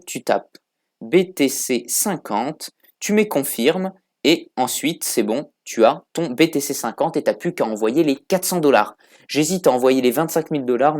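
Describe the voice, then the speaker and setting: A man's voice: fairly high pitch, a little mellow. A man casually talking the viewer through an app, step by step, in a chatty tutorial style. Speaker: crypto tutorial host. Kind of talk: casual screen-recorded app walkthrough.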